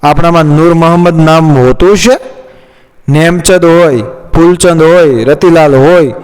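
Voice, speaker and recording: A man's voice: fairly high pitch, measured pace, a little mellow, clear, resonant tone, close to an everyday voice. A man voicing an indignant middle-aged merchant's wife who scolds in disbelief, in a storybook reading. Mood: scolding. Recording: long hall reverb.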